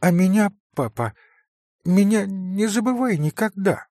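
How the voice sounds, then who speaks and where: A man's voice: high voice, animated, measured pace, dark tone, no echo, clean studio sound, voice pushed up. A man voicing a frail, pleading sick boy. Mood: pleading tearful. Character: gravely ill young boy, tender and pleading.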